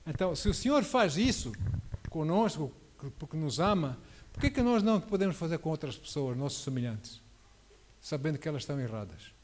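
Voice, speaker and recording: A man preaching, his voice sitting a little high. He presses his points with rhetorical questions and swings between loud and soft. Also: sing-song, fairly quick. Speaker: pastor. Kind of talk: sermon.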